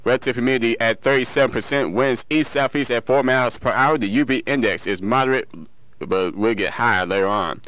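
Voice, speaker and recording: A newsreader who also DJs a music show reads local news, sports and weather in a radio studio, using a local broadcast style and occasionally stumbling before correcting himself. He speaks briskly in a medium-pitched, fairly bright voice.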